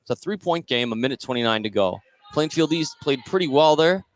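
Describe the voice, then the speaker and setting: An American man calls a basketball game live on radio, giving brisk play-by-play as the action unfolds. His medium-pitched voice has lively intonation. He's inside an indoor basketball gym during the game.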